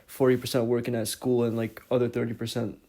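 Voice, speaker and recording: A young man, a bit hoarse, talking casually as an interview guest, rambling with many fillers. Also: mid-range voice, quick pace. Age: young adult. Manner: rambling, filler-heavy, relaxed. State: slightly hoarse.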